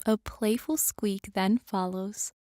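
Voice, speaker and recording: A woman's voice: mid-range voice, fairly even intonation, slow pace, mellow, dry recording, studio quality. A woman reading a scripted first-person story as its narrator.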